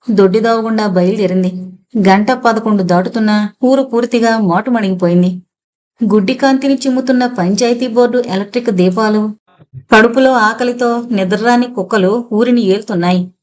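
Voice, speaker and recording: A woman narrating a full-length novel as an audiobook, with steady storytelling. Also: medium pitch.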